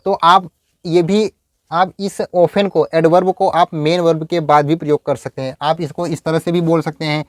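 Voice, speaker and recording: A man teaching English in a video lecture, explaining step by step and saying example sentences slowly. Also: a little high, fairly even intonation, no echo, clean studio sound.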